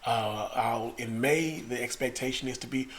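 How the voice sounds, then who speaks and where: A man, a pastor, co-hosting a casual podcast, talking in a measured, explanatory way with frequent uhs. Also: mid-range voice. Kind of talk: casual chat.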